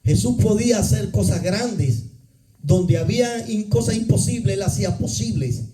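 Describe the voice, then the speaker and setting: A man preaching a sermon in a church, swinging his pitch widely and crying out quoted pleas. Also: normal speed, dark tone, echoey room, recorded from a distance, faint music behind, rough recording. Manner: sweeping pitch swings, dramatic quoted cries. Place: church sanctuary.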